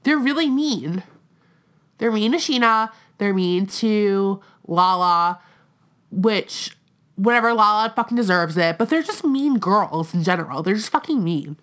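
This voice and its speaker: American woman with vocal fry, blunt podcast chat. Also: medium pitch, lively intonation, unhurried, fairly bright tone. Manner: blunt, profane, peppered with "like". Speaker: podcast co-host. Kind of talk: casual podcast chat about reality TV.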